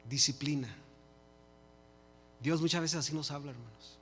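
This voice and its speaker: An older man preaching a sermon in Spanish and then praying, talking to the congregation with passion, swinging between loud peaks and quiet asides. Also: fairly high pitch, moderate pace, a little hiss or hum. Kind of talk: Spanish-language sermon and prayer. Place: church hall. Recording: long hall reverb with faint music.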